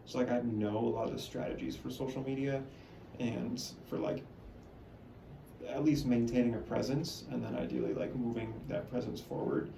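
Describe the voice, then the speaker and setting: A young man co-hosting a podcast, talking in a relaxed way and using "like" constantly. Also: medium pitch, moderate pace, creaky. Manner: relaxed, filler-heavy with lots of "like". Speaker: podcast co-host. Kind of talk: casual chat. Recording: roomy, distant mic, steady hiss.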